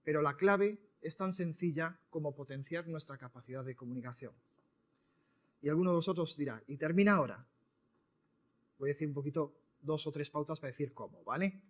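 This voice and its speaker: A man from Spain giving a sales seminar to entrepreneurs, lively and quizzing his audience. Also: a little high, brisk. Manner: lively, questions the audience directly. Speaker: speaker at a business talk. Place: seminar room.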